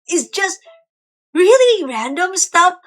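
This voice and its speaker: This is a Thai game streamer, a young and talkative woman whose first language isn't English. Her pitch is lively but her pace is slow, and her casual livestream chatter wanders, packed with fillers and frequent false starts.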